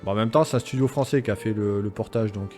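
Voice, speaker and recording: A man's voice: lowish voice, fast talker, a little mellow, faint music behind. A man hosting a video game let's play, rambling and swearing playfully as he keeps interrupting himself mid-sentence. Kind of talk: casual gameplay commentary.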